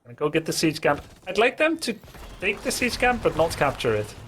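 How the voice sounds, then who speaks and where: A man's voice: a little high, big pitch swings, a little fast, a bit bright, a little hiss or hum. A man casting esports with play-by-play commentary, dramatic and playful, repeating phrases for effect. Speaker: esports caster.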